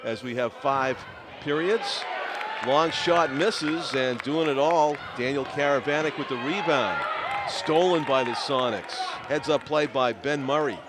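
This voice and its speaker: Over a noisy crowd, a man with a medium-pitched voice calls a youth basketball game in a school gym, speaking a little slowly. It's local play-by-play, delivered steadily as he calls out names amid the noisy gym atmosphere.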